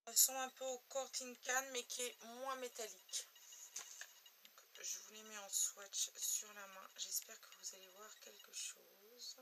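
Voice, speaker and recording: A woman from France reviewing makeup swatches in a home beauty video, talking slowly and letting repeated words fade quietly. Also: mid-range voice, steady tone, noisy background. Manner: slow, drawn-out, trails off quietly on repeated words. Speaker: beauty blogger.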